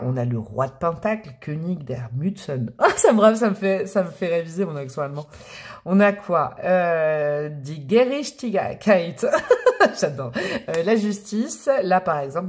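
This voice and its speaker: A woman's voice: fairly low pitch, a little mellow. Chatty woman doing a tarot reading. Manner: chatty and affectionate, calls viewers pet names; enthusiastic, often exclaims over the cards. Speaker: tarot reader. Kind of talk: casual tarot card reading.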